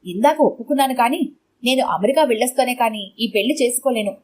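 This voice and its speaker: A woman doing a stubborn spoiled daughter, breathy. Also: fairly high pitch, quick pace, darkish tone, lightly acted. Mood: willful. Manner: pouty, teasing.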